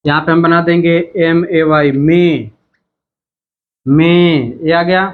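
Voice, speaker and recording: A man with a slightly high voice teaches a textbook lesson at an unhurried pace. He reads each word out on its own and goes back over it again and again. The recording is dull and lo-fi. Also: fairly even intonation. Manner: slow, repetitive, reads words out one by one.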